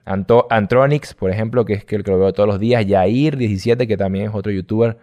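A man's voice: lowish voice, a little fast, dark tone, lo-fi sound. A young man from Venezuela with a Venezuelan accent, telling stories in a casual, slangy interview chat as a guest. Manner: chatty, storytelling, slangy. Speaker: guest, gamer youtuber.

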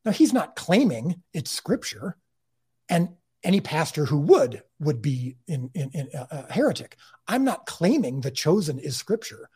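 Man, husky voice, somewhat high pitch, earnest interview talk, lots of restarts. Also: sing-song, measured pace, a little mellow. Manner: earnest, many restarts and repeated words. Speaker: creator of a faith-based TV series, interview guest.

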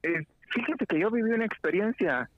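A man's voice: sits high, animated, normal speed, no room sound. Fields: Sex: man. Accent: Guatemalan Spanish. Role: radio co-host. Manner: reflective storyteller in casual chat. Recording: dull lo-fi radio.

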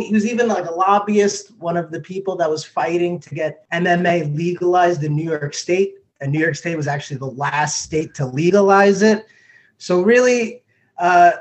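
High-voiced man hosting a casual interview. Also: poor audio. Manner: informal, chatty. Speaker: interview host.

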